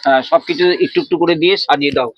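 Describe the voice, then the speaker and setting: A man acting as temple priest, briskly directing devotees as they set out offerings and chanting prayers during worship. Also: fairly high pitch, fairly even intonation, no echo, lo-fi sound. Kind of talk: live devotional worship vlog.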